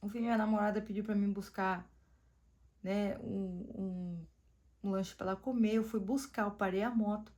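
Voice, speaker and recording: Brazilian woman, testimony speaker, casual storyteller who acts out dialogue, medium pitch. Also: fairly even intonation, moderate pace, darkish tone. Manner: tells the story with quoted dialogue, frequent "né" tags.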